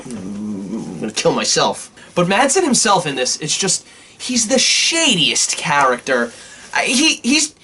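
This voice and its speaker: A man's voice: fairly high pitch, wildly swooping pitch, measured pace, sharp tone, a little hiss or hum. A man co-hosting a film review podcast, talking casually and animatedly, swearing often.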